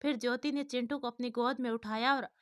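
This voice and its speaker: Woman storyteller, scripted narration, high pitch, dry close sound. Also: steady tone, fairly quick, dry recording.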